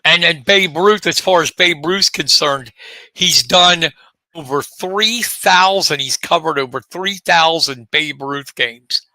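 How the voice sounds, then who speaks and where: A man's voice: a little high, slow pace, pushed and bright, dry recording. A man in his late fifties co-hosting a casual sports talk show, chatty and joking with rhetorical questions. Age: 50s. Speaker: co-host.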